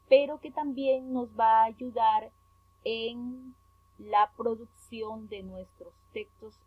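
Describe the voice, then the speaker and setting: Through dry, phone-like audio, a woman with a fairly high pitch gives a primary lesson online. Originally from Peru, she goes through the worksheet with care, spelling each word and stressing its syllables.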